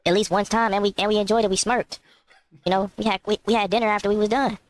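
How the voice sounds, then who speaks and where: A man's voice: high-pitched, little pitch movement, quick pace. A man delivering a mock-serious comedy monologue, insisting on absurd claims. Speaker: skit comedian.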